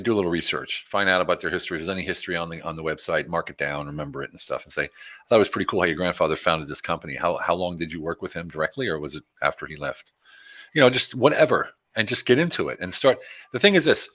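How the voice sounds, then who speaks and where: A man from Pennsylvania, a business consultant guest, chatting casually in an interview and acting out conversations as he tells stories. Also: low-pitched. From Pennsylvania, USA. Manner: animated storytelling, acts out conversations.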